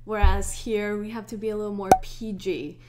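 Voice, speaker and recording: A woman's voice: mid-range voice, very noisy. A young woman in her twenties from Hong Kong, chatting casually through a get-to-know-me Q&A vlog. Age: 20s. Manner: relaxed, unhurried, chatty with restarts. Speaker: YouTuber.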